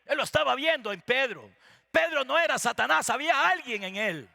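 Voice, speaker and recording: High, gravelly Costa Rican preacher. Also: male voice, animated, a little fast, sharp tone, dry recording, studio quality. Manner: fervent, keeps calling out to the congregation; rhetorical questions to the listeners. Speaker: pastor. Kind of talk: sermon.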